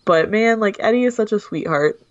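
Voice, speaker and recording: A woman in casual chat, emotional and animated, talking with many filler words. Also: medium pitch, fairly quick, dry recording, lo-fi sound.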